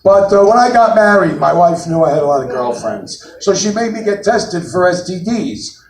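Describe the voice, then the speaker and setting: A man doing a stand-up comedy set on a brewery stage, talking in a brash, blunt New York manner with loud punchlines. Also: high-pitched, lively intonation, moderate pace. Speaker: stand-up comic. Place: brewery stage, live room. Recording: roomy live venue, mic at a distance.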